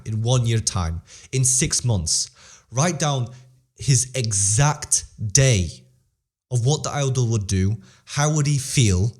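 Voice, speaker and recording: Darkish in tone and mid-range in pitch, this voice belongs to a teenage interview guest who talks casually yet earnestly, trying to motivate. He frequently restarts sentences and repeats himself. He grew up bilingual in Polish and English, and English is his stronger one.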